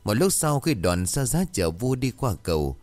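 A man narrating a folk tale in an even, measured reading. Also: medium pitch, no room sound, faint music behind. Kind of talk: storybook narration.

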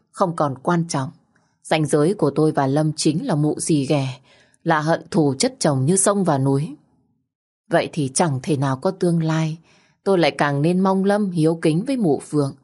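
A woman narrating a dramatic story in the first person, with steady, dramatic storytelling. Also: low voice.

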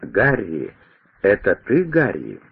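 An aging president, urgent and commanding, firing off insistent questions, as a man reading the story voices him. The voice is low and husky, squeezed through a narrow radio band. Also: lively intonation, moderate pace, no room sound. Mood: agitated. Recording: tinny radio broadcast.

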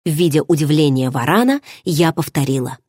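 A woman reads a first-person novel aloud in a low, husky voice with a very lively, rising and falling pitch. The sound is close and dry, with no room around it. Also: moderate pace, dry recording. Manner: expressive first-person storytelling. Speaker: audiobook narrator. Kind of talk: scripted narration.

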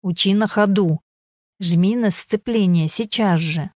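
A woman voicing a gruff man who shouts and swears while teaching someone to drive, in an audiobook. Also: mid-range voice, a little slow, no room sound, studio quality, natural voice. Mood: exasperated shouting.

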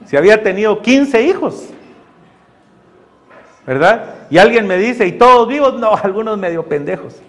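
A male pastor preaching a lively sermon with humor, talking to the congregation, asking them questions and acting out voices. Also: high voice, unhurried, pauses often. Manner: animated, acts out voices of God and church members; conversational, asks the congregation questions.

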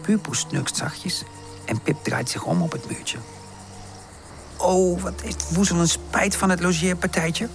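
A woman reading a children's storybook aloud with gentle, expressive narration. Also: fairly low pitch, measured pace, faint music behind. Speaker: audiobook narrator.

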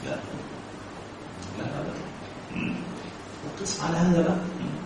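A man with an Egyptian Arabic accent teaching Quran recitation, explaining through rhetorical questions and slow chanted examples. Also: on the high side, expressive, gravelly, a little mellow. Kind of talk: tajweed lesson. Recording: very echoey room, voice far from mic, faint background noise.

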